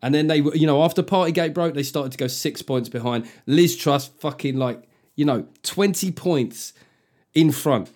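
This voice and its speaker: A man's voice: a little high, moderate pace, a little mellow. A British man in casual political chat, rephrasing as he goes and probing with questions.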